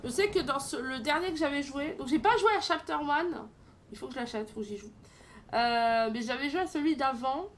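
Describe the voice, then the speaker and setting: A woman's voice: sits high, brisk. A woman streaming a video game, talking casually with many fillers and a playful tone. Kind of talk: casual gameplay commentary.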